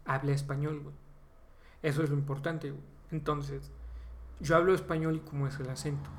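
A man's voice: a little high, little pitch movement, fairly quick, a little hiss or hum. A man with a Mexican accent co-hosting a podcast, talking casually in an opinionated, emphatic, slangy way. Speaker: podcast co-host. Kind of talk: casual chat about voice dubbing.

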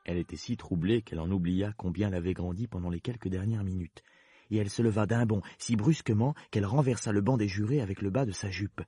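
Deep husky storytelling man. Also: warm tone, dry recording. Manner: measured, storytelling. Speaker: narrator. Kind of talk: storybook narration.

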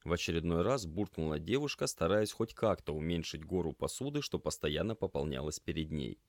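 A man narrating an audiobook with expressive storytelling. His voice is very low yet lively in its pitch movement. The recording is close and dry. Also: a little fast, dry recording. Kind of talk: scripted narration.

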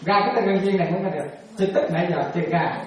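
A woman's voice: fairly low pitch, steady tone, very fast, a crowd in the background. A woman giving a Buddhist dharma talk, casually quizzing her listeners again and again and chuckling as she goes. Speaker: Buddhist teacher. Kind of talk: dharma talk with questions to students. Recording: very echoey room, mic at a distance.

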